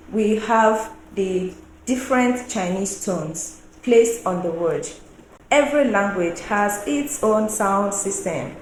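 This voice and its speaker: A woman teaching a Mandarin lesson, explaining slowly and deliberately, asking the viewer questions and singing out tone examples at a higher pitch. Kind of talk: online language lesson. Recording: roomy echo with faint background noise.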